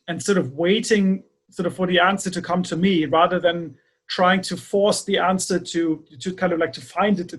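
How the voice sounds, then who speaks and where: A man hosting a podcast, speaking haltingly and repeating words as he searches for the right phrasing in a reflective conversation. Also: high voice, a bit bright. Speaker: podcast host.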